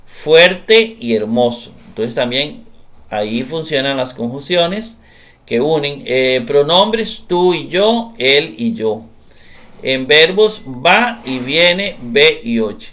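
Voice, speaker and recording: A man lecturing on grammar at an unhurried pace, his voice sitting a little high for a man. He works through examples patiently, hesitating often and tagging his points with a questioning "¿verdad?". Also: a bit bright. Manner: explanatory, repeats tag question "¿verdad?", frequent hesitations. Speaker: grammar teacher. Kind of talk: recorded class lecture.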